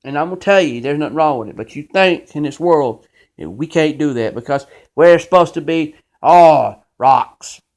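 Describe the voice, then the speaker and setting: A man's voice: fairly high pitch, animated, moderate pace, darkish tone. A man hosting his own show, delivering an impassioned, scolding monologue about faith. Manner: preachy, emphatic, scolding. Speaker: show host.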